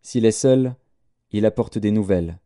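A man's voice: lowish voice, moderate pace, mellow, lightly acted. A man reading aloud voices an old king who weeps and laments for his son. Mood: calm. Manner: wailing lament. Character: grieving old king, father of a dead son.

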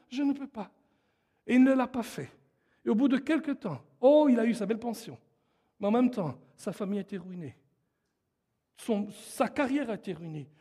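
A man's voice: extremely high pitch, darkish tone, slightly rough. A man preaching a sermon in an emphatic way and leading the congregation, recorded in a church hall. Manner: emphatic, leads the congregation in song. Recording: long hall reverb.

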